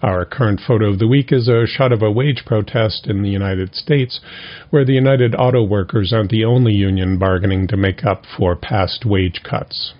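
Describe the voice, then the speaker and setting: A man reporting labor news for a radio program in a steady, scripted read. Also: on the low side, moderate pace. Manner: steady read-aloud delivery. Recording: dull lo-fi radio recording.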